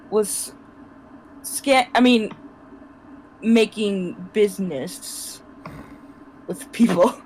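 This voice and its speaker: A man playing a tabletop game over voice chat, excitable, swearing freely and laughing a lot. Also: high voice, slight background noise, rough recording. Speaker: player. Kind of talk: casual in-character game chat.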